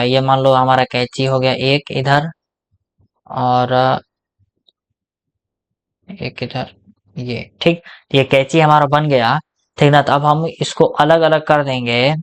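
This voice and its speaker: A man's voice: mid-range voice, clear, resonant tone. A man with a Hindi accent teaching an English grammar lesson in a casual explanatory way, asking questions and answering them himself. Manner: asks questions and answers them himself, repeats "ठीक ना?" often.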